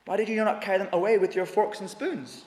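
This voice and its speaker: A preacher doing a gentle old bishop, echoing. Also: male voice, steady tone, fast talker, natural voice. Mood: surprised, kindly. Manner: warm exclamations giving way to low, hushed solemnity. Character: gentle elderly male bishop, kindly and solemn. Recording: echoey hall with long reverb.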